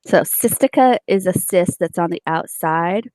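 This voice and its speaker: A woman's voice: fairly low pitch, unhurried, a little mellow, dry recording. A woman teaching a nursing class, explaining step by step with many fillers and restarts. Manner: explanatory, with frequent fillers and self-corrections. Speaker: nursing instructor. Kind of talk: recorded lecture.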